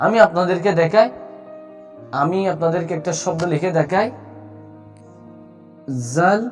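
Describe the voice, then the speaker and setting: A man teaching correct Quran recitation, explaining slowly and repeating letter sounds as a drill. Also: high-pitched, soft background music. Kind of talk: spoken tutorial.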